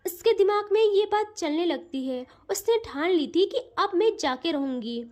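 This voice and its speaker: A woman with a very high, light voice narrates a romance in a chatty, expressive way. She tells it casually, as if to a friend. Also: moderate pace. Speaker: storyteller.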